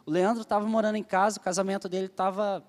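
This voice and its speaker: A man's voice: high voice, little pitch movement, fast, a little mellow, big-room sound. A young man from Brazil giving an emotional personal testimony as a church leader, telling his story earnestly and animatedly to the group.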